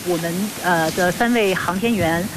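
Woman field reporter over clear background noise. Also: on the low side. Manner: earnest, formal delivery with hesitant pauses. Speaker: field reporter for a radio broadcast. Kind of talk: live unscripted on-location news report. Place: outdoors at a launch site. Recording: noisy outdoor live feed with steady hiss.

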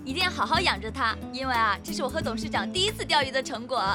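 Young, earnest, sweet daughter role, high voice, television drama with scoring underneath. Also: female voice, animated, fast, over music. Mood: delighted. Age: young adult.

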